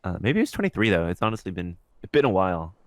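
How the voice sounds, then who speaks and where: A male podcast co-host chats casually and conversationally, his deep voice swinging widely in pitch as he talks very fast. The recording is dry, with clean studio sound.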